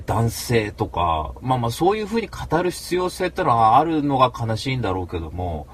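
A man hosting a talk show, telling a rambling story in rough, casual speech and flaring into mock rants. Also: mid-range voice, slight background noise. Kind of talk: casual monologue.

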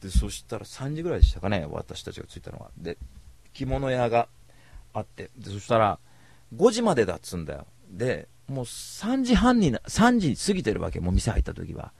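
Fast, animated man telling stories bluntly. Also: lowish voice, dry recording. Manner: blunt, rambling, self-described cynic; slangy rough speech. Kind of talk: casual storytelling monologue.

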